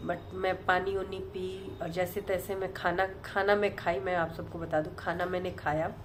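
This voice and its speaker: A woman vlogger telling a personal story in a casual, rambling way, softly and with many fillers and restarts. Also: on the low side, level tone, moderate pace, noisy background.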